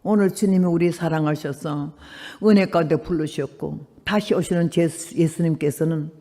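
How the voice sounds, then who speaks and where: An elderly woman in her eighties delivers a sermon as a missionary preacher, telling her story with lively drama and acting out each person in it. Her voice carries the long reverb of a large church hall. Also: on the low side, normal speed. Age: 80s. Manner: animated, acts out the people in her story.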